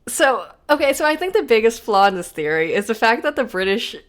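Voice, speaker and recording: A woman's voice: on the high side, very animated, a little fast. A woman hosting a podcast in casual chat, rambling and self-deprecating with frequent laughs. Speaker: podcast host.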